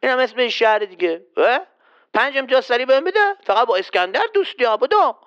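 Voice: medium pitch, expressive, fairly bright tone, smooth, highs cut off, lightly acted. Agha Morad, a silly man who can't say R voiced by a performer. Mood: petulant. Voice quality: says L in place of R. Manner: childish, whiny, easily offended. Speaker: quiz contestant. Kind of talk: children's quiz show skit.

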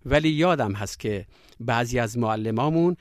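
A man with a Yazdi accent who tells stories and speaks reflectively, pausing on fillers between his anecdotes. His voice sits at an ordinary male pitch and comes across dry and close, with no room sound. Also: expressive, no echo. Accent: Yazdi Persian. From Yazd, Iran. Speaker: storyteller guest. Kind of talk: interview conversation.

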